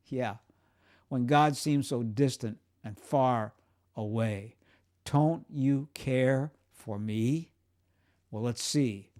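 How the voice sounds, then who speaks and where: A man preaching a sermon, telling the story dramatically and swinging from urgent, raised lines to hushed, quiet ones. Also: mid-range voice. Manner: dramatic storytelling, acts out quoted voices.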